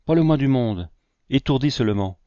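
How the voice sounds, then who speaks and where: A man's voice: mid-range voice, expressive, normal speed, dark tone, clear, resonant tone, no room sound, muffled recording, voice pushed up, natural voice. A man reading as a grieving old settler. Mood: distraught. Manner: anguished pleading exclamations. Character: old male settler, grief-stricken and devout.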